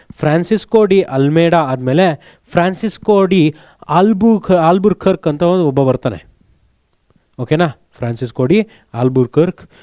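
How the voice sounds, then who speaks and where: A man's voice: fairly high pitch, warm tone, dry recording, studio quality. A man teaching an exam-prep lesson. He keeps asking his students questions, then answers them himself, and mixes English words into his speech.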